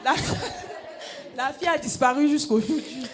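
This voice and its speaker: Very high-voiced man interpreting a sermon. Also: a little slow, fairly bright tone, some chatter behind, slight background noise. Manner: follows phrase by phrase, echoing the preacher's emphasis.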